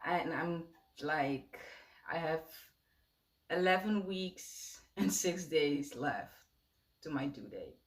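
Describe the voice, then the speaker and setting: A young woman in her late teens, a native Dutch speaker, talking softly and haltingly in a personal confessional vlog. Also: low voice, lively intonation, echoey room. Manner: soft-spoken and halting. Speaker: vlogger. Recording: voice distant from the mic.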